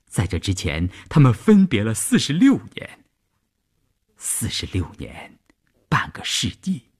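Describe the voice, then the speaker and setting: A man narrating a radio serial in a measured, expressive storytelling manner. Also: lowish voice, husky.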